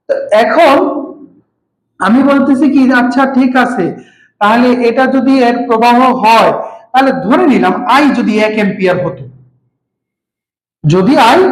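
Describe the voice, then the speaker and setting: A male physics teacher gives a classroom lecture. He repeats key terms and keeps asking his students whether they follow. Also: high-pitched. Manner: patient, repeats key terms, asks checking questions. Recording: echoey room.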